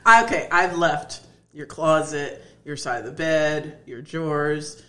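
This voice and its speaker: A woman co-hosting a casual podcast chat, animated, laughing often and acting out what others say. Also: deep voice, unhurried. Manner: animated, laughs often, acts out quoted voices. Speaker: podcast co-host.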